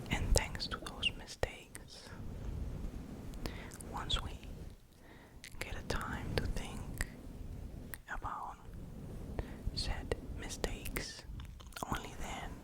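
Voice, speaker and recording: Casting: whispering ASMR host for a bedtime pep talk, very slow, breathy, close-miked. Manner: slow, pausing between short phrases. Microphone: close fluffy-covered microphone.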